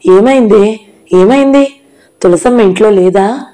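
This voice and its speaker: A woman's voice: medium pitch, normal speed, warm tone, natural voice. A woman voicing a frail older mother, anxious and pleading, breaking into sobs in a storybook reading. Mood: alarmed.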